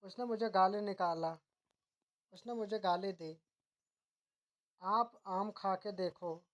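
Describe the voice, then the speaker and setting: A woman teaching, reading out pairs of wrong and corrected grammar sentences in a steady, measured recitation, with occasional self-corrections mid-word. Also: mid-range voice.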